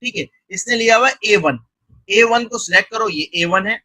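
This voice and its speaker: A man narrating a screen-recorded software tutorial step by step. He keeps checking in with the viewer and mixes English technical terms into his speech. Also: high voice, normal speed, dry recording, rough recording. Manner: step-by-step, repeating "theek hai" and "ye dekhen" to guide the viewer.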